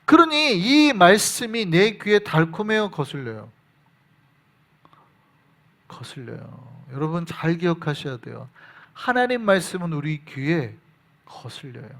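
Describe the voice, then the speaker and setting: A male pastor preaching in a church, with a high voice that swings widely in pitch. He keeps questioning his congregation and leads them along with him. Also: fairly bright tone. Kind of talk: sermon.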